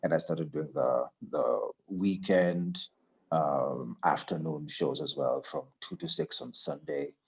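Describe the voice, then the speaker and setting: A man's voice: takes it slowly, gravelly. A man working as a radio announcer, telling stories from his career in a casual interview, often repeating words as he starts. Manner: animated storyteller, acts out quoted voices higher and louder.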